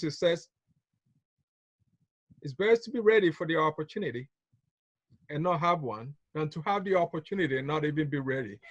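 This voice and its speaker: A man's voice: extremely high pitch, fairly bright tone, no echo. A man from Ghana giving a motivational business talk on a call, telling stories, repeating key phrases and chuckling often. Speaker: business trainer.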